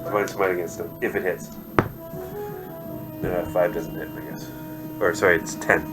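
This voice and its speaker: Lowish-voiced male gamer with music behind. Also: level tone, normal speed. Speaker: player. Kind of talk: casual game table chat.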